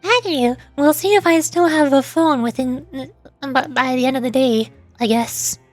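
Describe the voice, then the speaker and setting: Soft background music plays while this woman, a VTuber livestreamer, rambles at a moderate pace in a high voice, frequently interrupting herself. Her casual chatter shows a voice beginning to tire.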